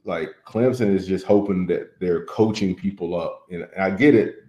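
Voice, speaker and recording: Casting: opinionated male sports co-host with a warm, low voice, recorded in an echoey room. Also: normal speed. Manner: animated, opinionated, says "man" a lot. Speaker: podcast co-host. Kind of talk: casual sports chat.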